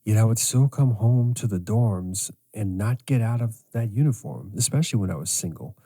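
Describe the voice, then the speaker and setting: A middle-aged man hosting a podcast as a sleep coach, speaking in a slow, measured way. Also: on the low side, expressive, dark tone. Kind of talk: scripted podcast monologue.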